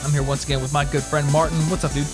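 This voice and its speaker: A man's voice: fairly high pitch, little pitch movement, very fast, music in the background. A man in his twenties hosting a podcast, telling a story in a loose, chatty way. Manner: chatty, storytelling, trailing off into asides. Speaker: podcast host. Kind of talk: casual chat.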